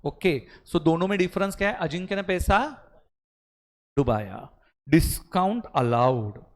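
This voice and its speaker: A man teaching an accounting class, quizzing and scolding his students, mixing Hindi with Indian-accented English terms. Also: high voice. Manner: scolds and quizzes students, calls them beta. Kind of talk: live class lesson.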